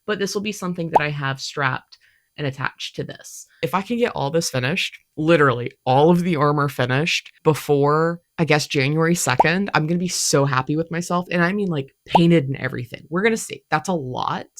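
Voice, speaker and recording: A woman's voice: deep voice, a little fast. A young woman with a stuffy nose from allergies, chatting in a rambling, self-deprecating way as she walks through her cosplay build to camera. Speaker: cosplay vlogger. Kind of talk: rambling casual talk to camera.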